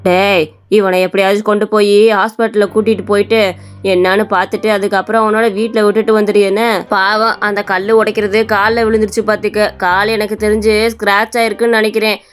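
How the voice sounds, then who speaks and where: A woman's voice: mid-range voice, little pitch movement, quick pace, lightly acted. A woman voicing a stern but kind male quarry boss in a cartoon story, who scolds and then reassures. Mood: reassuring.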